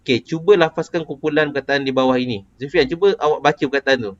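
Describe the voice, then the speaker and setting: A man's voice: a little high, quick pace, noisy background. A man with a Malaysian Malay accent teaching a casual lesson, explaining patiently and quizzing a student. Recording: dull lo-fi recording.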